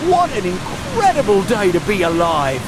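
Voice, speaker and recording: Chirpy cheerful creature-villager, gushing and friendly, swooping pitch, heavy hiss behind. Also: male voice, huge pitch swings, moderate pace. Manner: gushing, sing-song, friendly. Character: chirpy cheerful animal-folk gardener in a game. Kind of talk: video game dialogue. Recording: loud hiss under the game audio.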